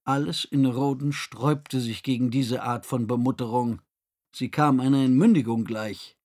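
A man reading a science fiction audiobook in an even, measured way. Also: mid-range voice. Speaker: narrator. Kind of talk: scripted audiobook narration.

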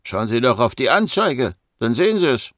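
A man's voice: medium pitch, big pitch swings, moderate pace, a bit bright, no echo, clean studio sound. A man voicing a grieving, irritable doctor in his forties, bitter and agitated, in an audiobook.

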